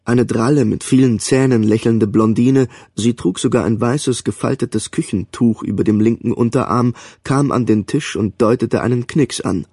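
Brief: male audiobook narrator, dark mellow tone, dry close sound, steady scripted reading. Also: mid-range voice, normal speed, hardly any pauses, husky, dry recording.

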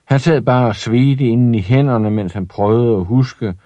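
A man reading a children's story aloud in an expressive, lively way. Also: medium pitch, no echo, highs cut off.

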